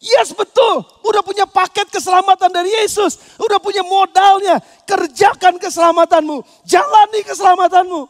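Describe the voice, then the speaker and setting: High-pitched preaching man, echoing hall. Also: normal speed, hardly any pauses. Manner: animated, acts out quoted voices, bursts into shouts. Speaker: pastor. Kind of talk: sermon. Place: church hall. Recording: long church hall reverb.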